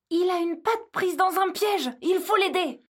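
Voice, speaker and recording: A woman's voice: high-pitched, expressive, moderate pace, voice pushed up. Lana, a woman as an eager young girl. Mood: urgent. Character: brave curious young girl.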